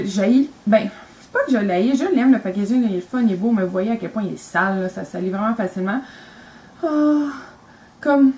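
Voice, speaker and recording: A woman's voice: mid-range voice, a little mellow, poor audio. A young woman with a Quebec French accent, talking casually and enthusiastically about her makeup, rambling with lots of fillers. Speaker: beauty vlogger.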